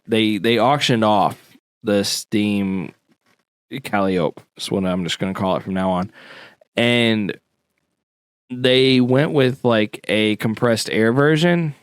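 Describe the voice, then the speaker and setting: A man's voice: lowish voice, clean tone, no room sound, clean studio sound. A man co-hosting a casual local podcast, laid-back and full of slang and fillers as he explains history. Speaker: podcast co-host.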